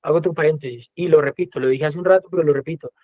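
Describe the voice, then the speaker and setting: A Colombian man gives a rapid-fire educational talk as a guest music teacher, his voice a little high. He lectures conversationally and frequently acts out quoted voices. There's no room sound, and the audio is phone quality.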